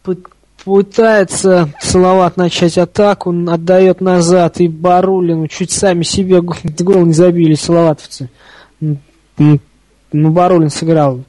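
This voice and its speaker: High-voiced man calling hockey, partisan and informal. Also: dark tone, no echo, rough recording. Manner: openly partisan fan, chatty and colloquial. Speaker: hockey commentator. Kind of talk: informal live hockey play-by-play commentary.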